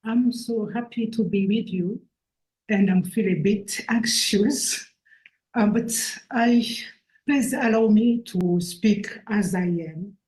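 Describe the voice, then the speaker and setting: A Rwandan woman whose first language is Kinyarwanda speaks earnestly as an invited speaker at an event, searching for her English words in a halting public talk. Her mid-range voice is slow and somewhat dark, and the room sounds echoey.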